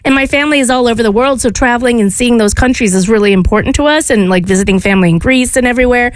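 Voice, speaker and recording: A woman co-host on a radio talk show, originally from England, who jokes about herself as she talks through everyday family worries. Her voice sits a little high, and the close studio mic keeps it dry with no room sound. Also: racing, no room sound. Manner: animated, joking, self-deprecating. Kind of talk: casual talk radio chat. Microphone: studio microphone.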